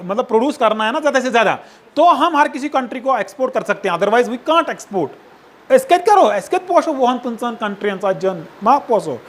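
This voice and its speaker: A man's voice: sits high, fairly bright tone. A man giving a sociology lecture, often checking that students follow and mixing in English phrases. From Kashmir. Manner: checks understanding with repeated tag questions, mixes in English phrases. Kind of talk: classroom lecture.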